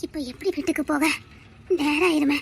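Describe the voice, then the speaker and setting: A woman playing a poor, hungry young worker who speaks timidly and softly, with a Tirunelveli Tamil accent. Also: sits high, fairly even intonation, a little fast. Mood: weary. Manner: timid, soft-spoken, begging. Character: poor, hungry young woman working to feed her family. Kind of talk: emotional web-series acting.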